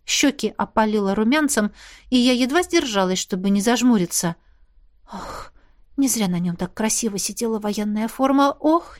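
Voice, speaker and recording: A woman reading a first-person novel aloud with lively storytelling. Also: a little high. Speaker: audiobook narrator. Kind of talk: first-person audiobook narration.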